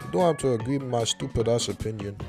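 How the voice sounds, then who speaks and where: A young man delivers casual YouTube commentary on a cartoon. He sounds dry and sarcastic and swears freely, with his pitch sitting in an ordinary middle range. Faint music plays behind him. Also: expressive, fast talker, vocal fry, mellow.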